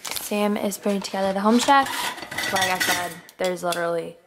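A woman's voice: medium pitch, normal speed, reverberant, very noisy. A woman vlogging casually from her home kitchen, chatty and upbeat, rambling through asides to a camera set down nearby. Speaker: lifestyle vlogger.

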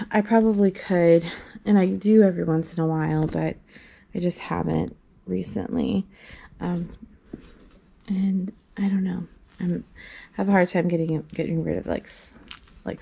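A young mom vlogger chats casually at home, rambling with lots of fillers and restarts while filming on a phone held at arm's length in a small playroom. Her voice is fairly low and dark with vocal fry, and there's slight background noise.

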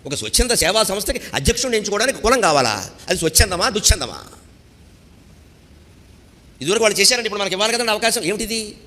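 A man's voice: high-pitched, big pitch swings, quick pace, pauses often, pushed and bright, long reverb tail. A man giving a devotional discourse, asking rhetorical questions and quoting Sanskrit verses. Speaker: spiritual speaker.

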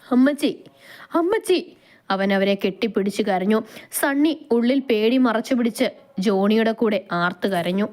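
A woman's voice: medium pitch, moderate pace, a little mellow. A woman with a Malayali accent narrating a romance story aloud, reading it dramatically and giving each character a voice.

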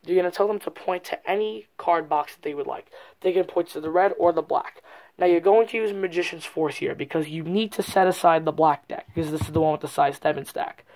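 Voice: medium pitch, a little fast, darkish tone, poor audio. A presenter giving an informal, explanatory step-by-step card trick tutorial in a casual way. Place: indoors at a card table.

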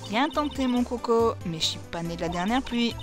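A woman voicing an excitable female photographer with a put-on southern French accent, reading game dialogue aloud. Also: on the high side, a little fast, music in the background, lightly acted. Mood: cocky. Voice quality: chatty, exclamatory, playful twang. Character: excitable middle-aged woman photographer, chatty.

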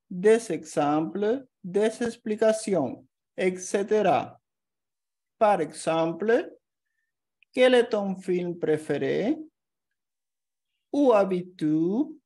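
A woman's voice: on the low side, dark tone. A woman giving a scripted grammar lesson as a language teacher, carefully reading out example sentences one by one.

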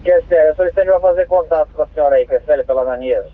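A man's voice: on the high side, very fast. A man with a Brazilian accent working as a police radio dispatcher, formally and courteously reading out codes and numbers over two-way radio. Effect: two-way radio transmission. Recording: tinny narrow-band police radio.

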